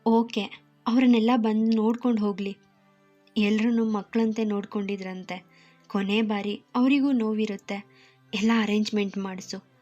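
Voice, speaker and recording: A woman voicing a protective young man who gently consoles others while grieving quietly. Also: mid-range voice, fairly even intonation, moderate pace, pauses often, natural voice. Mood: weary. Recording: muffled lo-fi with soft music.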